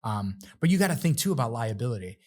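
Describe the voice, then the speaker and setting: A lively male guest who tells his stories with plenty of energy. He often slips into little acted-out voices for the people he quotes. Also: mid-range voice, fast talker. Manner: animated storyteller, acts out quotes in other voices. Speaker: guest, realtor and rapper. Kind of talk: casual interview chat.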